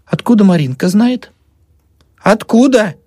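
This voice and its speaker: Male narrator playing a tough old village woman: shrill, high, demanding. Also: expressive, measured pace, gravelly, dark tone, slightly rough, no echo, studio quality, full character voice.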